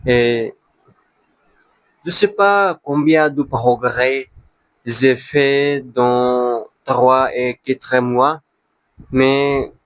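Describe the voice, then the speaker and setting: Man speaking slow, broken learner's French. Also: medium pitch, no echo, poor audio. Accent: non-native French. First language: not French, a beginner learner of French. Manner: broken French with halting word searches and repeated words. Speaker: language learner. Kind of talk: casual monologue practising French.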